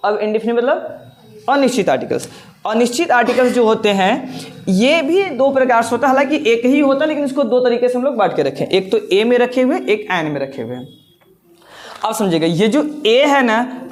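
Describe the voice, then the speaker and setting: A male teacher giving a grammar lesson, explaining step by step with repeated words and rhetorical questions. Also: very high voice.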